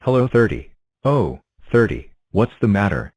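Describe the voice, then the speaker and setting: A man's voice: on the low side, big pitch swings, moderate pace, darkish tone, no echo. A man voicing a friendly small cartoon number character in a fan cartoon, chatty and upbeat.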